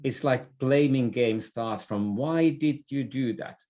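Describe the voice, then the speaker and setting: An older Finnish man, a business leader and former theatre director, gives thoughtful answers as an interview guest. His first language is Finnish, and he often repeats a word while searching for phrasing. His mid-range voice has a dark tone, and he takes his time.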